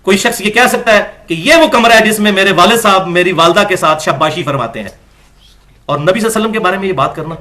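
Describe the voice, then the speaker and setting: A man giving an argumentative religious lecture, reading quotations from books and reciting verses slowly. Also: sits high, sharp tone. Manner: argumentative, reads quotes aloud and recites scripture slowly. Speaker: religious scholar.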